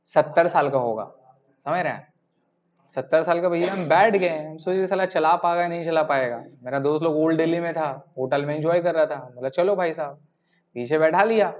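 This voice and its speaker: A male tutor with a high voice gives a classroom lecture and tells an animated anecdote. He keeps checking that the students follow, calling them sir. The recording sounds dull and lo-fi. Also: normal speed.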